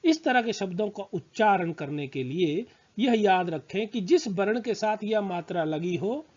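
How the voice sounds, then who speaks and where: A man's voice: high-pitched, expressive, a little slow, a little mellow. A man teaching a grammar lesson to students, patiently repeating example words and checking that they understand. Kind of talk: slow spoken grammar lesson. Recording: slightly dull lo-fi sound.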